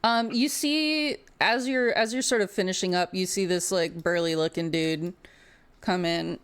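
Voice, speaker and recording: A woman's voice: fairly low pitch, unhurried, clear, resonant tone. A woman running a tabletop game as game master, rambling casually with lots of restarts and the odd swear.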